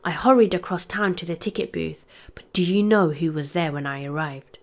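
A woman's voice: on the low side, moderate pace, natural voice. A woman voicing a cocky schoolboy who teases his friends, in a playful manner. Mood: secretive. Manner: playful and teasing.

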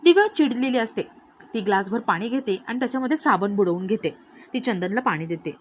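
A woman retelling a TV serial episode, quickly voicing each character's lines. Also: a little hiss or hum. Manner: lively, shifts pitch to act out each character. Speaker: serial recap narrator. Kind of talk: storytelling recap with acted quotes.

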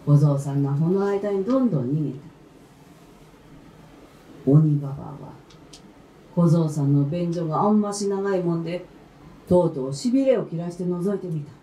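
A woman narrating an old folktale live in a lively, expressive dialect storytelling style. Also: lowish voice, moderate pace, pauses often, a little hiss or hum. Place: concert venue. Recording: roomy live hall with faint instruments. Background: faint traditional instruments.

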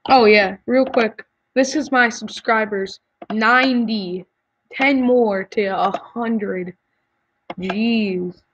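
A woman's voice: a little high, slow, dull audio, a little hiss or hum. A woman YouTuber chatting casually as she answers quiz questions, giving blunt opinions with frequent ums and restarts.

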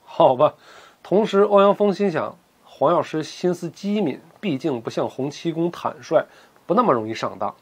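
A man narrating a martial-arts story in a lively, colloquial, joking way. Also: a little high, moderate pace, slightly rough.

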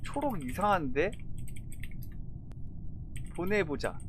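A woman chatting excitedly while playing a game, grumbling and exclaiming in blunt slang with stifled giggles breaking into her words. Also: on the low side, slow, background noise. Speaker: gamer commentating her own play. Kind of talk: excited casual Among Us gameplay chat.

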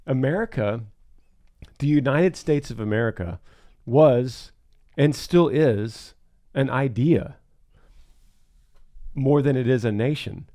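A man with a warm, medium-pitched voice co-hosts a podcast, speaking earnestly, emphatically and reflectively in casual conversation.

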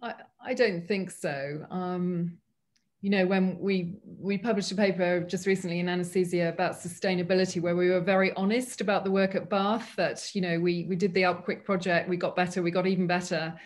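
A woman's voice: on the low side, darkish tone. A woman speaking earnestly as a panelist in a medical webinar over a video call. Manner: thoughtful, earnest, frequent restarts.

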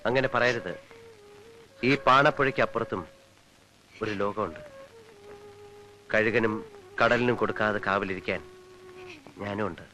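A man's voice: fairly low pitch, a little slow, long pauses, sharp tone, soft background music. An actor playing a devoted young man in a film scene, pleading earnestly and tenderly. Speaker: film character. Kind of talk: 1990s film acting.

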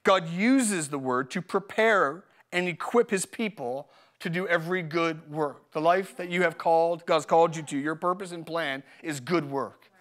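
High-voiced, lively male pastor. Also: normal speed. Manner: energetic, joking, repeats key phrases. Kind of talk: live sermon with personal stories. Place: church service.

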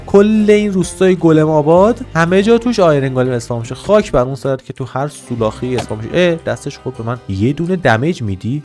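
A man hosting a casual gaming session, narrating his build in an excitable, teasing way and bossing around the creatures in the game. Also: mid-range voice. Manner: excitable, teasing, chatters to the game's animals and villagers. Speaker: gaming channel host. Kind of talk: casual let's-play commentary.

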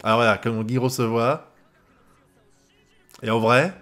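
A man's voice: mid-range voice, fairly even intonation, takes it slowly, a bit bright, faint music behind. A man from France giving live reaction commentary on an anime episode, swearing often and breaking into laughter.

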